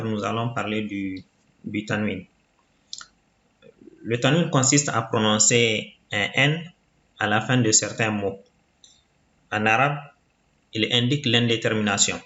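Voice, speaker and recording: A male teacher walks through a reading lesson at a slow, careful pace, saying each sound again and again for the learner. His voice is bright and forward. The recording sounds roomy and dull, as if made in an echoing room with a modest mic. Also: on the low side. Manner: patient, repeats sounds for the learner. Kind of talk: slow, deliberate language lesson.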